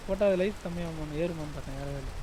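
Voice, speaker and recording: A man in co-op gaming chat, impatient and shouty. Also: on the high side, very fast, background noise. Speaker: gamer.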